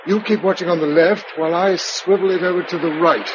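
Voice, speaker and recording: An actor playing Bill, a decisive, protective British man in a radio drama, speaking in a clipped, earnest and expressive way. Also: sits high, fairly quick, lightly acted. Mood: urgent, resolute. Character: Bill, decisive, protective man surviving catastrophe, tender with his sweetheart. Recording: dull, faintly noisy old radio recording.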